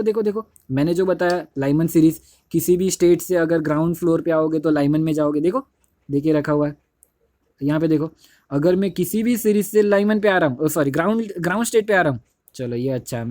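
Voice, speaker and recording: A young man teaches a chemistry lesson in a casual Hindi classroom style, recording on a phone he holds while writing on the screen. His voice is on the high side, a little fast and slightly mellow, with clean studio sound and no echo. He keeps saying "dekho," repeats himself, and corrects his slips as he writes.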